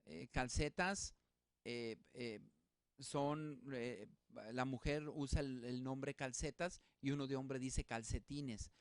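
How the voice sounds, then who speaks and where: A man teaching a Bible study in a relaxed spoken way, working through examples with many fillers and restarts. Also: medium pitch, slow pace, clean tone, no room sound, clean studio sound.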